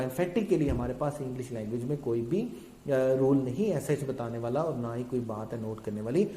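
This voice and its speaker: A man's voice: medium pitch, mellow, reverberant. A man giving a grammar lecture to students, explaining terms and asking and answering his own questions. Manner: addresses students as children. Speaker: English grammar teacher. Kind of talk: recorded classroom lecture.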